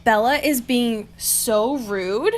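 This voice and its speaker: A woman co-hosting a podcast speaks slowly in a rather high voice, with background noise behind her. Her banter recapping a book is casual, giggly and sarcastic, full of exclamations.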